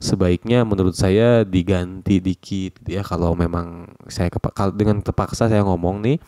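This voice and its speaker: Low-voiced casual male language teacher. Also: normal speed, no echo, clean studio sound. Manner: relaxed, repeats phrases, slangy asides. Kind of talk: casual online language lesson.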